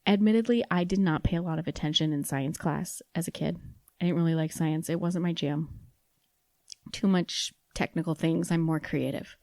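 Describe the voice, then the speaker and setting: Podcast host, woman in her 30s, chatty and self-deprecating, warm lowish voice, dry close sound. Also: moderate pace, dry recording. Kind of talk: casual solo podcast talk.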